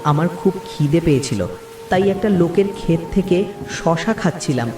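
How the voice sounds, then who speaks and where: A man's voice: a little high, expressive, moderate pace, roomy sound, distant mic, over music, close to an everyday voice. A man voicing a meek, wounded talking pony in a cartoon fairy tale. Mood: weak, explaining.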